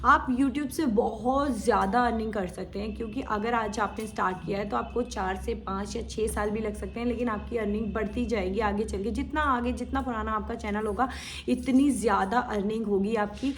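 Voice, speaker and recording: A woman's voice: fairly high pitch, moderate pace, a little hiss or hum. A woman YouTuber talking casually and encouragingly to her viewers. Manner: chatty, encouraging, direct address to viewers. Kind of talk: casual vlog talk to viewers.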